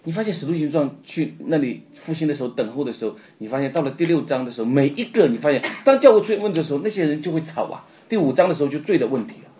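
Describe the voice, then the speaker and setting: Fast-talking impassioned male preacher. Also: on the high side, lively intonation, lo-fi sound. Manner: impassioned, swinging between loud outbursts and quiet, subdued stretches; personal and confessional, retelling his own despair. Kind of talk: sermon.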